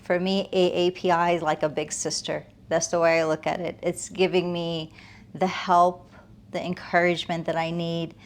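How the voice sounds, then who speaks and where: A woman realtor, a United States resident who arrived from Afghanistan as a toddler, gives reflective and earnest interview answers conversationally, frequently building emphasis with short listed phrases. She speaks at normal speed with a fairly low pitch and flat delivery.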